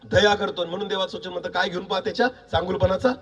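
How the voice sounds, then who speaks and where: A man preaching a sermon, quizzing the congregation with repeated questions and building to shouts. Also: sits high, level tone, fast, far from the mic. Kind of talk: sermon with call-and-response.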